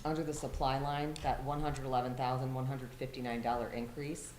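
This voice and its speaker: A woman with a very deep, flat voice politely cutting in to explain a budget line at a public hearing. She sounds echoey and distant, with faint ambience behind her. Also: a little fast, a little hiss or hum. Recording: echoey room, distant from the mic.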